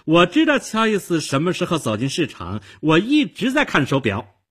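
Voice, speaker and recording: A man voicing an eager, cocky young woman witness with a high, chirpy delivery in a radio story. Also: huge pitch swings, moderate pace, a bit bright, slightly rough, heavily acted. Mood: cheerful.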